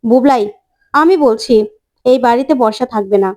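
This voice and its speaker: Grave older uncle, played by a woman narrator, quiet, self-blaming. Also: fairly high pitch, normal speed, lightly acted.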